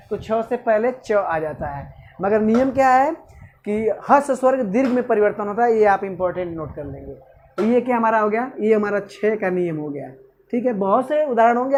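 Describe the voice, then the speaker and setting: A man's voice: high-pitched, darkish tone, a little hiss or hum. A male teacher giving an exam-prep grammar lesson, asking questions and answering them himself. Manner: asks and answers own questions, repeats "okay".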